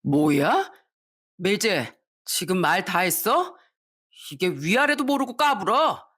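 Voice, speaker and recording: A woman's voice: medium pitch, expressive, normal speed, a bit bright. A woman voicing an arrogant adult son who talks back coldly and cuttingly to his parents. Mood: contemptuous. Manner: cold, cutting.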